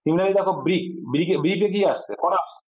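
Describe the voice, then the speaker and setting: A man's voice: high voice, fairly even intonation, very fast, slightly rough. Male tutor, exam-prep grammar lesson, asks and answers his own questions, lo-fi phone audio. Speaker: exam coaching teacher.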